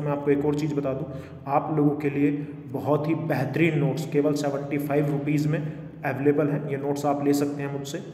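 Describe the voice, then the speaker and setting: In an echoey room with a bit of background noise, a male exam coach with a fairly high, warm voice teaches a quiz lesson online. He repeats each question to drive it home and slips English phrases into his speech.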